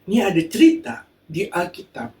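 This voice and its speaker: A children's church teacher telling a Bible story to kids in a lively way and acting out the quotes. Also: mid-range voice, normal speed, distant mic, slight background noise. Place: church hall. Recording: echoey room, voice from afar.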